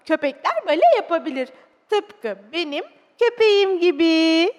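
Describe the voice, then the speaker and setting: A woman voicing an eager young child who excitedly pleads and cheers about her dog in a storybook reading. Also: very high voice, a little slow, pitched above the performer's own voice. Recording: long hall reverb.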